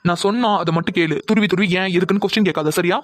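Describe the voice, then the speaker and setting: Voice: mid-range voice, very fast, no room sound, lightly acted. A voice actor playing a bossy, protective young man in a cartoon who gives orders. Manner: bossy, commanding.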